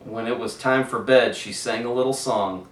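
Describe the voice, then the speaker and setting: A man, a PE teacher, reading a picture book aloud to children and gently asking them questions, recorded in an echoey room away from the mic. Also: mid-range voice, steady tone, moderate pace, distant mic. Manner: gentle, asks the kids questions, chuckles.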